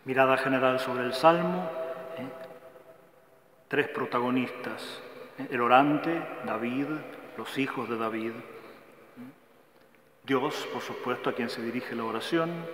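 A man's voice: mid-range voice, unhurried, pauses often, a bit bright. A man, a Dominican friar, giving a scripture lecture, often tagging phrases with a questioning "eh?" and emphatically reciting lists of verbs. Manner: frequent checking "eh?" tags. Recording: echoey hall with faint background noise.

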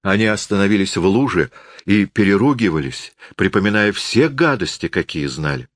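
A man reading a novel aloud as an audiobook narrator, in an expressive storytelling manner. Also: fairly low pitch, moderate pace, no room sound, clean studio sound. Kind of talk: scripted literary narration.

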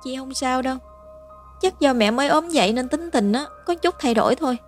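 A woman doing a kind teenage girl in a spoken ghost story, her voice lifted higher and kept soft as she calms a small child. Faint music plays behind. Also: moderate pace, lightly acted. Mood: gentle. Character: gentle tearful teenage girl, caring older sister.

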